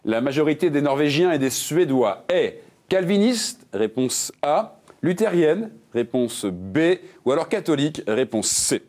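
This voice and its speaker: A jokey quiz-show host whose pitch swings up and down as he reads each question. He sits a little high for a man and keeps things light, slipping puns between the answer options. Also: sing-song, a little slow, a little mellow. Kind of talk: game show hosting with puns.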